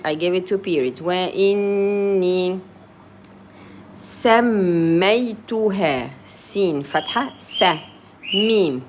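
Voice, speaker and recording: A Quran reading teacher, a woman, gives a slow lesson in recitation, sounding out each Arabic letter and vowel mark before explaining it in simple English. Her voice sits on the low side, and there's a slight hiss or hum in the recording.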